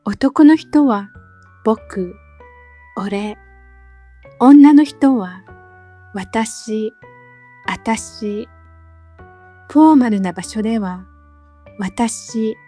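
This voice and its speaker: A woman teacher giving a scripted lesson, speaking slowly and carefully with clearly spaced phrases, recorded as a voice-over. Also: fairly high pitch, dark tone, faint music behind. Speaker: Japanese teacher.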